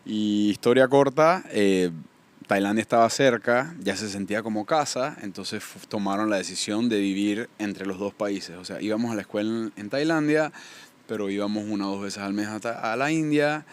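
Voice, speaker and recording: Low-voiced Panamanian young man. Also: moderate pace. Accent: Panamanian Spanish. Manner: storytelling, warm and faith-focused. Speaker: guest. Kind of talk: casual podcast interview.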